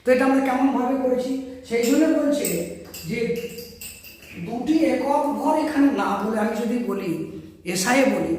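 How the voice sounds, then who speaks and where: A man teaches physics, walking his students through each step and speaking straight to them. His voice sits very high. The recording is strongly echoey, as if taken in a bare room. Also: moderate pace, long pauses, a little mellow, slight background noise. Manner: explains step by step, addressing students directly. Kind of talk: blackboard physics lesson.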